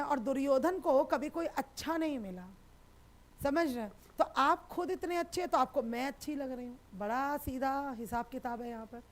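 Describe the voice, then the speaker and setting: A woman teaching sociology, chatting with students in a live online class and reassuring them warmly. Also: high-pitched. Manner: affectionate, reassuring, calls students beta.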